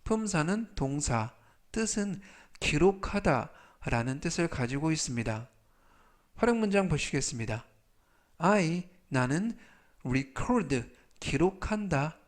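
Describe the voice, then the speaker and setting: A man teaching English vocabulary in a scripted lesson, explaining each word slowly and drawing out the English words for pronunciation. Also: fairly high pitch, lively intonation.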